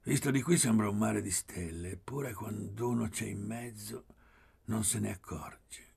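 A man voicing a languid, soft-spoken rich young man who mocks gently, in a hushed, slow half-whisper. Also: lowish voice, vocal fry, husky, full character voice. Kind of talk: audiobook character voice.

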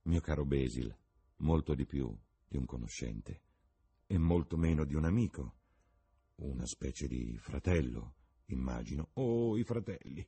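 A man's voice: very deep voice, lively intonation, measured pace, dark tone, husky, exaggerated voice. A man reading the part of a witty, cynical young English lord, with a languid, ironic delivery.

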